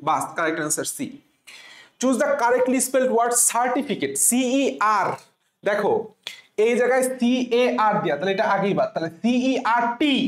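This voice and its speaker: A man teaching an exam prep spelling lesson, spelling words letter by letter and having students repeat after him. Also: high voice. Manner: repetitive, drills letters, asks students to repeat. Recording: roomy echo.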